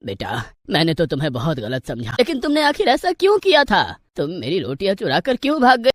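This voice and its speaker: A woman voicing an old limping male beggar who shouts and scolds. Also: lowish voice, huge pitch swings, brisk, no room sound, clean studio sound, voice pushed down. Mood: softened.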